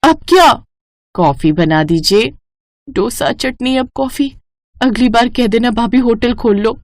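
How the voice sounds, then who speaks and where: A woman's voice: on the high side, animated, moderate pace, dry recording, natural voice. A woman voicing a cheeky, overworked young daughter-in-law who makes sarcastic comebacks. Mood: exasperated.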